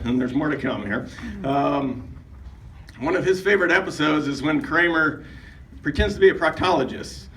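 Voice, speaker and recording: A man tells roast stories at a party, setting each one up before landing the punchline. His voice sits a little high for a man. The microphone is some distance away, and a light background noise runs under his speech. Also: sharp tone. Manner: joking storyteller building up to punchlines. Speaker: speaker giving a roast at a retirement party. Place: retirement party.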